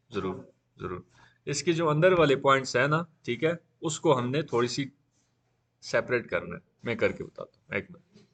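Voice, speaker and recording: Guy teaching a 3d class live, chatty and relaxed, says okay a lot between steps. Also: fairly high pitch. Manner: casual, repeats "theek hai" often. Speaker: 3D software instructor.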